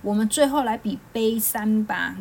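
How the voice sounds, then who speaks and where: A woman voicing a proud young male warrior who taunts his rivals slowly and doubtfully. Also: mid-range voice, creaky, a little mellow, slight background noise, natural voice. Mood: taunting.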